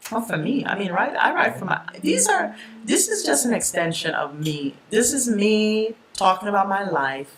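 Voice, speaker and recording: A woman of Jamaican roots, a poet and writer, talking in a relaxed, chatty way in an interview, laughing often and restarting her sentences. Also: mid-range voice, normal speed, hardly any pauses, a little hiss or hum, poor audio. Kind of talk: relaxed interview talk with a poetry reading.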